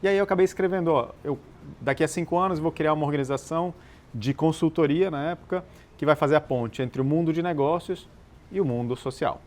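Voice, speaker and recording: A man born in Chile, an interview guest and nonprofit founder, telling his story in a measured, explanatory way with some hesitations. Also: a little high, darkish tone. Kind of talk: relaxed conversational storytelling.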